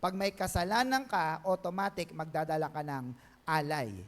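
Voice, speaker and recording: Filipino pastor calling for amens. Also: male voice, a little high. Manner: mixes Tagalog and English, calls for amens, stretches key words slowly. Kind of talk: Bible-teaching sermon.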